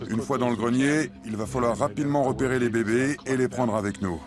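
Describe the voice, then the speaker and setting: A man's voice: mid-range voice, fairly even intonation, brisk, natural voice. A man dubbing a focused wildlife catcher who comments on his work in a documentary. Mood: businesslike. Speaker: animal catcher in a dubbed documentary. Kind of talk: dubbed documentary reality commentary. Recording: music behind the voice.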